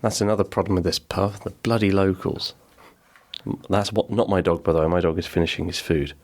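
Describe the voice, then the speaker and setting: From a small pub he built in a garden outbuilding, a middle-aged man hosts a casual podcast chat, rambling with self-deprecating humor. His voice is low, his intonation fairly even, and he talks fairly quickly.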